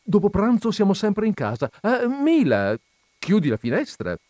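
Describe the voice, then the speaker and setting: A man's voice: high-pitched, huge pitch swings, normal speed, a little mellow, no echo, studio quality, pitched above the performer's own voice. A man voicing a fussy, indignant older widow of a colonel, in a raised, sighing voice. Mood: coaxing.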